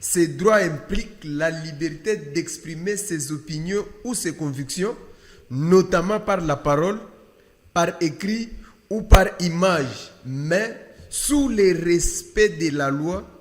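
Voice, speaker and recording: A man with a Congolese accent speaks as a guest in a political debate interview, didactic and emphatic, posing rhetorical questions. His voice is fairly high and his pace slow. The room is echoey and hall-like, with long reverb.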